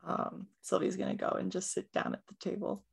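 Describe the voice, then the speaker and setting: A woman playing a tabletop game, relaxed, describing her character's actions. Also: medium pitch, fairly quick, gravelly, slightly rough. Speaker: player.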